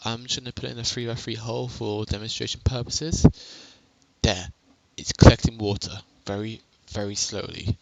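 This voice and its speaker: Gravelly young man rambling through a tutorial. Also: on the low side, fairly even intonation, normal speed, no echo, low-quality recording. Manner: rambling, self-correcting, chatty. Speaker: game tutorial narrator. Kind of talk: casual gameplay tutorial. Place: home. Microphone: headset.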